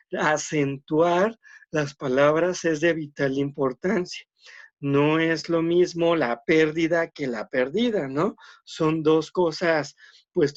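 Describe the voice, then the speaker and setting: A man's voice: a little high, lo-fi sound. A man teaching an online class, explaining at length with frequent "este" fillers and repeated words.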